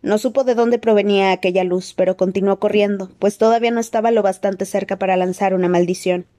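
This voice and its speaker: Woman narrating an audiobook, mellow voice. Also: medium pitch, fairly even intonation, fast. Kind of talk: scripted narration.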